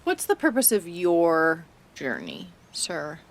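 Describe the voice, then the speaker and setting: A woman's voice: fairly low pitch, huge pitch swings, slow. A woman playing a tabletop game, questioning another character in a blunt, probing way. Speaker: player. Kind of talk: tabletop role-play.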